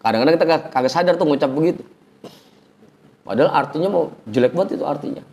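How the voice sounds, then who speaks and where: A man teaching an informal religious lesson, chanting Arabic phrases slowly, then explaining in a chatty, teasing way. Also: fairly high pitch, animated, a little mellow. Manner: chatty, teasing the audience, colloquial asides. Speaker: ustadz teaching a religious study circle.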